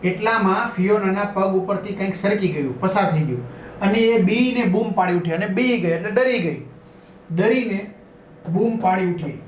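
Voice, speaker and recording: High-voiced man teaching a lesson. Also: moderate pace, slight background noise. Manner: repeats and rephrases, checks with "right?". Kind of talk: explaining a school lesson. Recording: echoey room.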